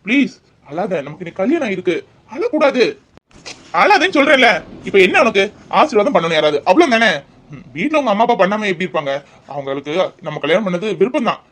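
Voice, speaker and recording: A man's voice: high voice, sing-song, fast, fairly bright tone, exaggerated voice. A man voicing an earnest young newlywed husband in a cartoon, coaxing and pleading with his wife. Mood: consoling. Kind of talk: cartoon voice acting.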